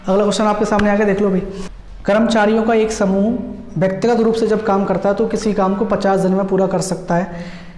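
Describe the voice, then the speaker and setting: A man's voice: high voice, little pitch movement, fairly quick, a little mellow, a little hiss or hum. A man teaching an exam-prep maths lesson, explaining step by step and repeating key points while checking in with his students. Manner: repetitive step-by-step explaining, frequent check-ins. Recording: echoey room with long reverb.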